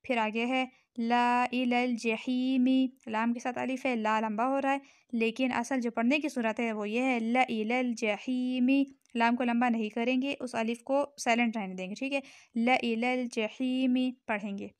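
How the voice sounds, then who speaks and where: A woman's voice: fairly high pitch, steady tone, clean tone, no room sound. Patient woman teaching Quran recitation. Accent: Pakistani Urdu. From Pakistan. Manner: patient, repeats each word slowly and checks in with "theek hai". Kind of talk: tajweed lesson explanation.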